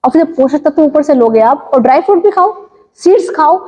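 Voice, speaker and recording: A woman teaching yoga and diet in an informal talk, asking listeners lively rhetorical questions. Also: sits high, brisk. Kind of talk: informal health talk to viewers. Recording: dull lo-fi sound.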